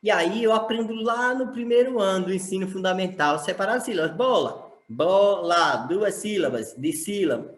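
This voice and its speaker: A man's voice: high voice, lively intonation, a little fast, hardly any pauses, roomy sound. A male teacher from Sergipe, Brazil, with a Brazilian Portuguese accent, explaining a lesson and asking rhetorical questions. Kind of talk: recorded online lesson.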